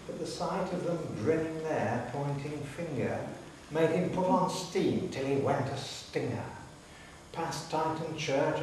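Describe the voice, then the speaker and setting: In a public hall, a man gives a dramatic recital of narrative poetry in a medium-pitched, darkish voice. The microphone is distant, leaving the recording very echoey with a faint hiss.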